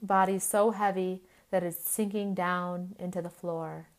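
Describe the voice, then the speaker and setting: A woman guiding a yoga nidra relaxation in the soothing manner of a sleep story narrator, in measured short phrases with long pauses. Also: lowish voice, fairly even intonation.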